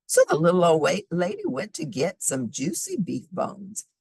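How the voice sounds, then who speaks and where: A storybook reader with a husky voice reads a children's book aloud, her pitch swinging wildly with animation and her emphasis falling deliberately on repeated phrases. The recording is close and dry, with no room sound.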